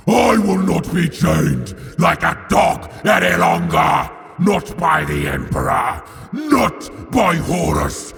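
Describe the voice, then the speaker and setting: Angron, gravelly, wrathful demon giant. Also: male voice, sits high, fairly bright tone, exaggerated voice. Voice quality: gravelly, growling snarl. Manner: bellowing, drawn-out grandiose declarations. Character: huge horned winged demon primarch, wrathful bloodthirsty father. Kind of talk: audio drama villain acting. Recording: long hall reverb, faint music behind.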